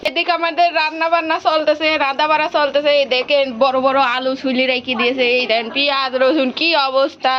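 A high-pitched woman with a Pabna Bengali accent talks straight to her viewers in a loose, chatty vlog. Her voice comes through slightly muffled phone audio, with faint household noise around her. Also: flat delivery, fast talker, hardly any pauses. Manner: chatty, addresses viewers directly. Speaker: vlogger. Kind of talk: casual vlog tour in regional dialect. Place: home kitchen and yard at a picnic cooking.

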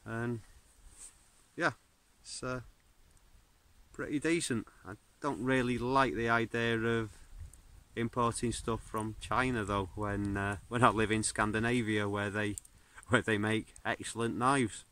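Guy in the woods talking slow, lots of uhs, fairly low voice, bit sharp in tone. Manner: relaxed, unhurried, many fillers and restarts. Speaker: bushcraft video host. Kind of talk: casual gear review. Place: birch forest outdoors, smoky campfire. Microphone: phone or camera at arm's length.

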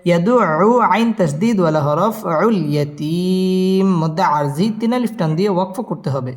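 A man teaching recitation, spelling out letters and chanting verses in a slow, drawn-out melody with brisk explanations between. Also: sits high, in a large hall.

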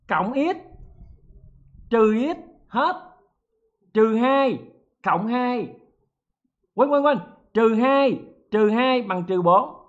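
Male math teacher, jokey and lively, keeps checking in, slightly dull muffled audio. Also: very high-pitched. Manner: lively, joking, checks in often with the students. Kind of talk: online exam-prep lesson.

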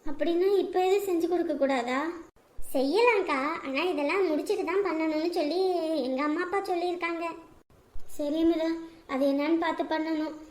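A high, bright-toned woman's voice carries the warmth of a grieving elder sister from a , played by an actress. She speaks tenderly and pleadingly, her voice set in an echoey room. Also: natural voice. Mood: earnest. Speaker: actress in a family drama. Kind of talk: emotional village drama dialogue.

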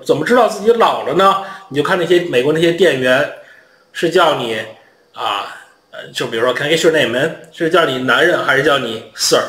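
Male vlog host, animated humorous storyteller, echoey room. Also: on the high side. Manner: chatty, animated, humorous anecdotes. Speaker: international education channel host.

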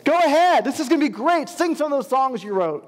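A man's voice: very high-pitched, expressive, brisk, in a large hall, pitched above the performer's own voice. A man putting on the voice of a cruel, taunting captor who mocks his prisoners. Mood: jeering. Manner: taunting, mocking laughter.

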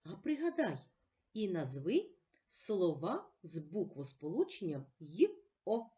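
A woman teacher giving a slow, clear reading lesson to children, stressing each word carefully. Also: fairly low pitch, wildly swooping pitch, mellow.

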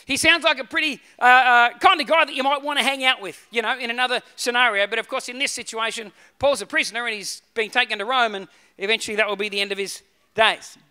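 A man preaching a sermon, reading scripture and telling a lively personal story. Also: extremely high pitch, fast talker, smooth. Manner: storytelling, animated asides. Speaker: pastor.

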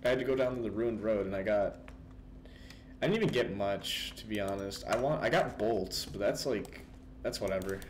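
In a casual gaming chat, a young man who hosts gaming videos rambles on about a game, filling gaps with fillers and laughing often. He talks at a moderate pace in a fairly low voice, with slight background noise.

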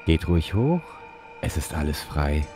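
Disguised deep voice: menacing game villain, slow and mocking, very low with a wide swing. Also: male voice, big pitch swings, over music. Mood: taunting. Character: menacing male tower villain, taunting.

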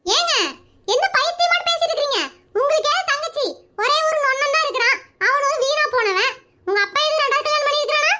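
A woman voicing a sharp-tongued married woman in an animated comedy, scolding and teasing with quick retorts. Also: very high-pitched, noisy background. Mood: mocking.

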